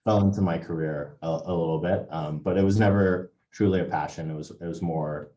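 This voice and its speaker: This English MBA panelist has a very deep, dark-toned voice with fairly even intonation, and he talks fairly quickly. His computer mic on the video call adds roomy echo, and in the casual discussion he hesitates and keeps restarting amid fillers.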